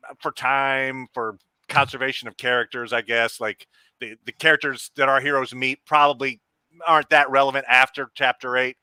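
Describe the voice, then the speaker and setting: A man's voice: mid-range voice, level tone, normal speed, sharp tone, clean tone, dry recording. A man co-hosting a casual book discussion podcast, talking in a rambling, easygoing way. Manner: conversational, rambling, easygoing asides. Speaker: podcast co-host.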